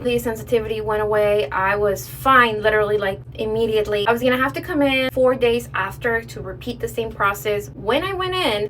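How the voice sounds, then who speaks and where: A woman's voice: a little high, a bit bright. A young adult woman chatting casually as she tells a personal story to her viewers, in an emphatic, conversational way. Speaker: vlogger telling a personal story. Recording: distant mic with faint background noise.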